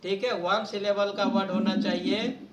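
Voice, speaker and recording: A high-voiced man teaches a class, explaining step by step and stopping often to ask if students follow. His voice rings around a roomy classroom over a faint hum of noise. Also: flat delivery, normal speed. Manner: explains patiently, often checks understanding. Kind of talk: classroom lesson.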